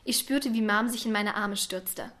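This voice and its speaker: A woman reading a first-person story aloud in a quiet, subdued way, sometimes dropping to a whisper. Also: medium pitch, moderate pace. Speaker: narrator.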